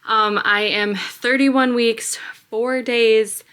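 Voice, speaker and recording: A woman's voice: on the high side, steady tone, drawn-out words, a bit bright, smooth. A pregnant woman in her twenties talking casually to camera in a rambling vlog, often out of breath. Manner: rambling, chatty, filler-heavy. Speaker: vlogger.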